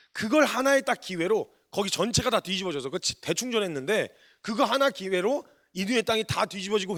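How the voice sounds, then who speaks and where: A man, a missionary preacher, giving a sermon in colloquial, animated storytelling style, acting out the quotes he tells. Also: high voice.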